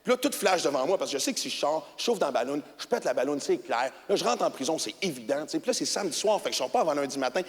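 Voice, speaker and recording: Lively Québécois comedian on a big stage. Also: male voice, fairly high pitch, very fast, few pauses. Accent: Québécois French. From Quebec. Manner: animated, colloquial, swings between mumbling and shouting. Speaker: stand-up comedian. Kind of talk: stand-up comedy storytelling. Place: large theatre stage with audience. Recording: hall reverb with audience ambience.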